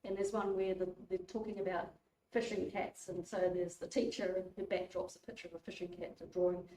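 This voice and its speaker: A woman's voice: on the low side, little pitch movement, a little fast, mellow, far from the mic, slight background noise. Chatty New woman lecturing in a hall. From New Zealand. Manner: chatty, informal, lots of fillers and restarts. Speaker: guest speaker. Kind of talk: public lecture. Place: community hall. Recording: echoey hall, voice from afar.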